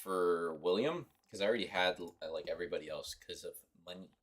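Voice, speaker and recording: A man's voice: deep voice, brisk. A young man from Costa Rica streaming a mobile game, chatting offhand and rambling to his viewers. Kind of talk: casual livestream commentary.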